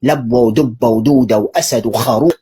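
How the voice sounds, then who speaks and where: Husky, fast, mocking male preacher. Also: medium pitch, warm tone. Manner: mocking, sarcastic, emphatic. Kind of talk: polemical commentary answering recorded clips.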